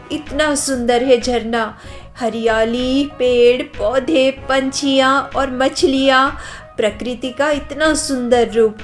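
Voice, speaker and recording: A woman voicing a cheerful, carefree young daughter-in-law in a cartoon story. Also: high-pitched. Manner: lighthearted, dismissive, chatty.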